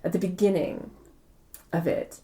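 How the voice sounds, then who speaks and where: An interviewed novelist talks conversationally in a lowish, dark, steady voice, taking her time. She explains things reflectively and repeats words for emphasis.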